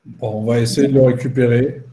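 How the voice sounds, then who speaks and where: A man hosting a live online chat, relaxed and chatty with some fillers. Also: mid-range voice, a little fast. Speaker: host.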